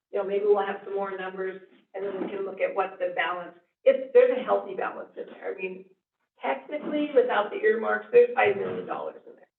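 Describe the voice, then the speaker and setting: A woman serving as a school district finance officer gives a finance report at a school board meeting, speaking plainly and thinking aloud with fillers. Her medium-pitched voice is creaky, and the thin, lo-fi recording comes from far off in an echoey room with slight background noise.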